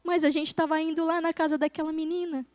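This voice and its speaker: High-voiced woman telling a church story. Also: flat delivery, fast talker. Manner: storytelling, acting out dialogue softly. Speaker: preacher. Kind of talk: sermon testimony. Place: church service.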